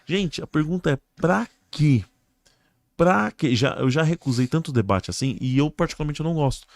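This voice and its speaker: A man's voice: a little high, expressive, moderate pace, vocal fry, no echo. A man with a Brazilian Portuguese accent, a pastor and guest on a casual religious podcast, who tells stories and acts out the dialogue in a raised voice.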